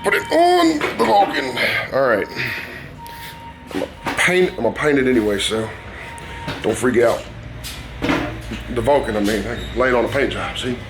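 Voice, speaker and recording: A man's voice: mid-range voice, very animated, normal speed, long pauses, over music. A talkative man with a Southern US hillbilly drawl gives a casual, folksy, rambling hands-on tutorial in a workshop. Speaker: motorcycle painter and builder presenting a how-to. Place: dingy workshop. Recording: noisy workshop ambience.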